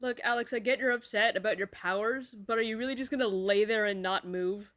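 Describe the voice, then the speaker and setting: A woman acting out comedy sketches, swearing casually and bantering in a deadpan way. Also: medium pitch, brisk. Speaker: sketch comedy creator playing all roles.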